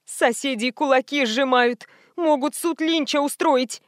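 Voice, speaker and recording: A woman's voice: sits high, a little slow, no echo, voice pushed up. Scared pleading mother, half-whispering, played by a woman reader, dry close read. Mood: fearful. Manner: fearful, pleading, often whispering. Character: frightened pleading mother, middle-aged.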